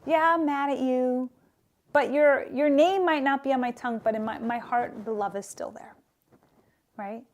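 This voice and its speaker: A woman's voice: sits high, moderate pace. A woman who works as a therapist gives an earnest, emphatic talk on relationships and faith, often checking in with "right?". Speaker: therapist and Islamic speaker.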